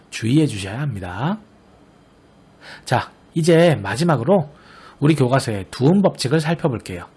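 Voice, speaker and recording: A man teaching an online grammar lesson. He explains patiently, sounds out example words slowly, and often checks that the class is following. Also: a little high, a little mellow, slightly rough. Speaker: Korean language teacher.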